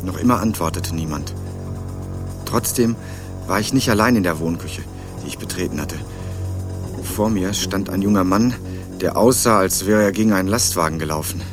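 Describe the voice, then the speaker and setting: This low-pitched delivery moves at a moderate pace, pausing often and sounding close to everyday speech. A young sardonic narrator recounts his search for a missing cousin in a dry, laconic radio crime drama, backed by music.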